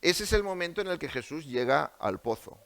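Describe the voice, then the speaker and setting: A man's voice: on the high side, expressive, brisk, fairly bright tone. A male preacher with a Spanish accent delivering a sermon in a church, asking the congregation many rhetorical questions. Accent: Spain.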